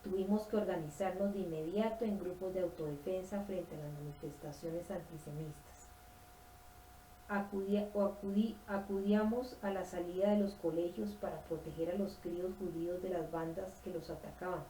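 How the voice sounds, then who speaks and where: Casting: woman reader, low warm voice, steady nonfiction delivery with small slips, echoey room. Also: moderate pace, a little hiss or hum. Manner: steady, with some stumbles and self-corrections. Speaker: audiobook reader. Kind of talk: reading a nonfiction book aloud.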